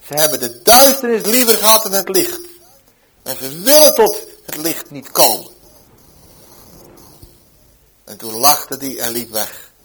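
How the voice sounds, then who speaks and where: A man preaching, telling a story from his ministry with emphatic swings between loud declarations and hushed tones. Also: on the high side, sing-song, moderate pace, breathy edge, poor audio. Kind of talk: sermon anecdote.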